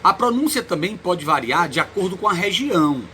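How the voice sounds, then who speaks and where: A man with a Cearense Brazilian accent teaching a Portuguese lesson, explaining slowly and checking in with "né?" after nearly every phrase. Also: high voice, sing-song, pushed and bright, slight background noise. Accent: Ceará, Brazil. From Ceará, Brazil. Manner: explains slowly, tags lines with "né?", repeats words. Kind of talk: recorded online lesson.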